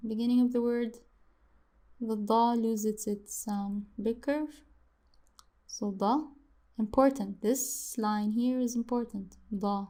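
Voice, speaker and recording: Slow, gravelly-voiced woman teaching letters. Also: fairly high pitch, dark tone. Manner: slow, repeats sounds many times, muses aloud. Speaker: language teacher. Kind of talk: casual handwriting lesson.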